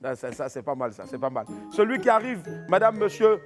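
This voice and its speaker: A man's voice: high voice, sing-song, fairly quick. A man hosting a comedy talk show, exclaiming and playing mock-solemn. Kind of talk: comic studio hosting. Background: music.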